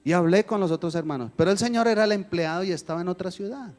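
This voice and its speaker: A man's voice: sits high, quick pace, soft background music. A male pastor preaching a sermon, telling stories and acting out quotes in a church. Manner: animated storytelling with acted quotes.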